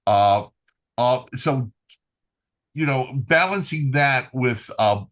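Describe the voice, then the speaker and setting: Here the older man from Finland, once a military trumpeter, takes his time with an animated, medium-pitched voice that's fairly bright. On this relaxed podcast interview he meanders through his anecdotes in good humor, saying "uh" often.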